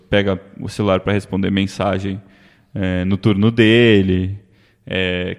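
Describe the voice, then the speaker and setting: A Brazilian man with a lowish voice speaks in an easy, conversational way. He keeps tagging his phrases with a question to check in with his co-host. His voice trails into a long reverb. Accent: Brazilian Portuguese. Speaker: podcast co-host. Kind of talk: casual discussion.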